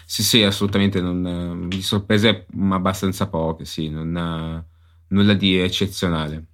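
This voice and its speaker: A man chatting casually as a podcast co-host, halting and often repeating himself. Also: sits low, flat delivery, fairly bright tone. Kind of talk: casual chat.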